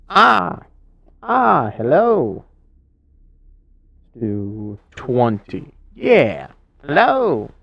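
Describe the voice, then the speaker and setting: A man's voice: creaky, dry recording, lo-fi sound. Man on a morphing voice changer. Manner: repeating short test words. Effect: voice changer shifting his pitch up and down. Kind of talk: casual chat while testing a voice changer.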